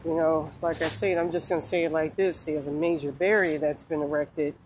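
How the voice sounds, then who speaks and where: A woman in her forties talking outdoors in a meandering, halting way with many fillers and curses, filmed on a phone held at arm's length. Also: deep voice, steady tone, darkish tone, low-quality recording. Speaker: vlogger. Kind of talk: rambling spiritual vlog. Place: outdoors on a sunny street. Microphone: phone held low at arm's length. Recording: phone outdoors with faint traffic noise. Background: faint street noise and passing cars.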